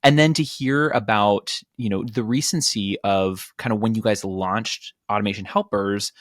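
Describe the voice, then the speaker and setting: A man's voice: fairly low pitch, fairly even intonation, normal speed, no echo, clean studio sound. Chatty Minnesotan man hosting a podcast. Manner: friendly, chatty, with fillers and repeats. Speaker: podcast host. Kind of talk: conversational interview.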